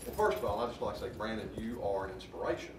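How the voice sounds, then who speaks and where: A man in the audience, picked up from far away, offers earnest and slightly halting praise in a lowish voice. The room is echoey and the background is clearly noisy. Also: expressive. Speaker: audience member asking a question. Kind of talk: audience Q&A comment. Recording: distant echoey room with noise.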